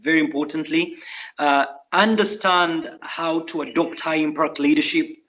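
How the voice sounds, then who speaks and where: A man's voice: a little high, fairly even intonation, moderate pace, a bit bright. A middle-aged man with a Ugandan accent, answering interview questions in an earnest, reflective way with frequent fillers. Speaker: guest author. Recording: muffled lo-fi audio.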